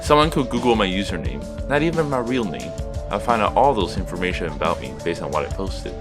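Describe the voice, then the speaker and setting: A young man from Seattle whose first language is Chinese, reading a scripted video essay in a steady, explanatory way. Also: low voice, fairly quick. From Seattle, USA. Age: young adult. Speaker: student narrator. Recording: music behind voice.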